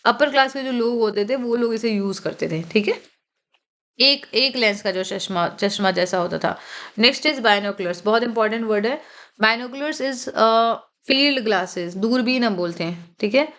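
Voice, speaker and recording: A woman with a slightly high voice teaches exam vocabulary, mixing Hindi with slow, deliberate English phrases. She spells words out letter by letter and keeps asking her students whether they have followed. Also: a bit bright. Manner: explains slowly, spells words letter by letter, often asks "ठीक है?". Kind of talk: exam-prep vocabulary lesson.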